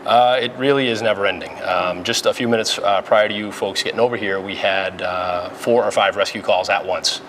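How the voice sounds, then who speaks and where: A police dispatch supervisor gives an interview and tour, explaining things informally step by step. His fairly low, slightly bright voice has fairly even intonation and a slightly fast pace with few pauses. Noisy room ambience is clearly audible.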